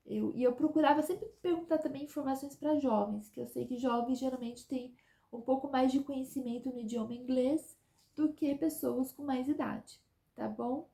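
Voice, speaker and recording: In a relaxed vlog, a woman living abroad shares advice in a chatty way, peppering it with "tá?" and "né?". She speaks at a moderate pace in a high, mellow, creaky voice with fairly even intonation.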